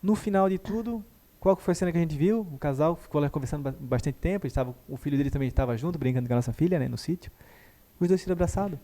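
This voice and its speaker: Homem de voz grave e fala rápida. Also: male voice, fairly high pitch, very fast. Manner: animated, acts out dialogue. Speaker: guest therapist. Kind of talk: conversational storytelling.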